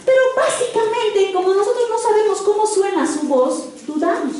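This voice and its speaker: A woman with a very high voice teaches an interactive sermon and keeps checking in with her listeners through short questions. The recording comes from a very echoey hall, with the mic set well back from her. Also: lively intonation, moderate pace, darkish tone, far from the mic. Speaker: preacher teaching a congregation.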